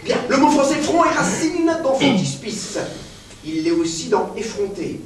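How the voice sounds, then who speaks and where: Man acting pedantic professor, declamatory, high-pitched, echoey stage, distant mic. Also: big pitch swings, normal speed, crowd noise. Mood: pompous lecturing. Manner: declamatory, insistently repeats "mademoiselle". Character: pedantic male professor, grandiose, increasingly frenzied. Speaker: stage actor. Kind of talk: stage play performance. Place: theater stage. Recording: echoey stage captured from far off.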